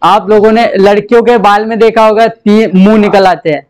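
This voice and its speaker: High-voiced man teaching a noisy class. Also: fairly even intonation, moderate pace, crowd noise. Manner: jokey, repeats questions to the class, calls for attention. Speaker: science teacher. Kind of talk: classroom lecture. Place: classroom with students. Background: students talking and laughing.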